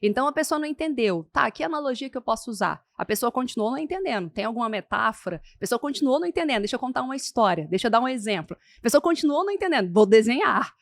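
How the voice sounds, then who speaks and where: Brisk, fairly high-voiced Brazilian woman. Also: gravelly. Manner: animated, acts out quoted dialogue in other tones. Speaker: speaker and communication trainer. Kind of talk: podcast interview answers.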